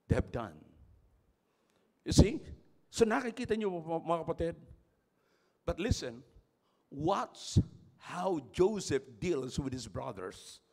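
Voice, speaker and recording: Animated Filipino pastor preaching loudly. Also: male voice, a little high. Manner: switches between English and Tagalog, calls out to congregation; loud, dramatic preaching with shouting peaks. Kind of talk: sermon. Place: church.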